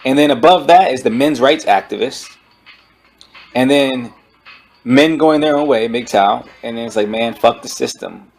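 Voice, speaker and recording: This man's medium-pitched voice carries an informal book review, delivered in a halting way as he explains his points against background music.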